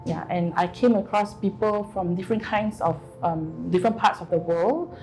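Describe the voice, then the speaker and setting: A woman's voice: mid-range voice, moderate pace, a little mellow, faint music behind, rough recording. A woman, telling her personal story candidly and reflectively in an interview. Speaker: interview guest.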